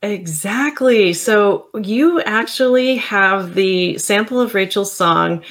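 A woman's voice: medium pitch, slow, fairly bright tone. A woman hosting an online interview in a casual, informal, chatty way. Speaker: interview host. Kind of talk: casual chat. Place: online video call with screen sharing.

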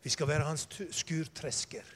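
An older man preaching a sermon, telling stories and swinging from quiet asides to loud, fervent emphasis. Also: a little high, slightly rough.

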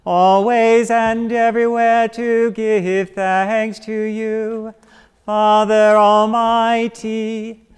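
A priest chanting the liturgy slowly on a steady tone, his voice ringing in a long cathedral echo. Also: high-pitched, clear, resonant tone. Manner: slow, even chanting on a steady tone. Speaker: priest leading the Eucharist. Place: large church. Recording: long church reverb, faint organ music.

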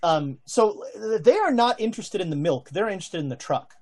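A man improvising narration as game master of a tabletop game, thinking aloud in halting phrases. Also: high voice, lively intonation, a little mellow.

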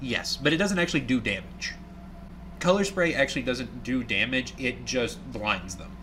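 A man running a tabletop game as game master, easygoing and quick to laugh. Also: mid-range voice, animated, background noise.

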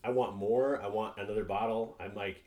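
A man's voice: fairly low pitch, brisk. Rambling casual guy in an echoey room. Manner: relaxed, rambling, swears freely, many fillers. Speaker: podcast co-host. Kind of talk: casual chat.

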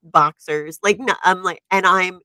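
A woman in her forties co-hosting a podcast, telling stories in an animated, casual way and laughing often. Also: fairly low pitch, a little slow, dry recording. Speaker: podcast co-host. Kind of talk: casual chat. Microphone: podcast microphone.

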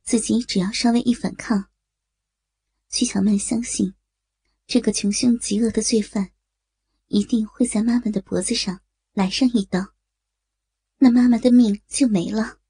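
A woman telling an audio story in steady, even narration. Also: a little high, normal speed, pauses often, slightly rough, dry recording.

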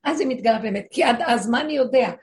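A woman's voice: fairly high pitch, a little hiss or hum. A woman teaching a religious lesson, explaining with frequent rhetorical questions to her listeners and acting out voices she quotes. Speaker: spiritual teacher.

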